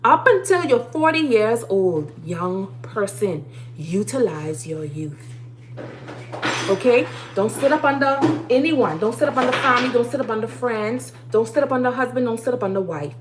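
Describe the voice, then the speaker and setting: A woman's voice: a little high, animated, normal speed, noisy background. Woman, 30s, live streamer, casual but sermon-like advice, insistent and repetitive, cooking in a home kitchen. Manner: preachy, urging, repeats key phrases.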